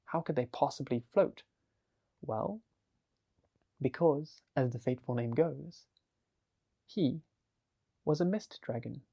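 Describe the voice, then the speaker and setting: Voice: medium pitch, slow, vocal fry, pauses often, dark tone, husky, dull audio. A storyteller narrating a fantasy tale in a chatty way, with frequent asides to the listener.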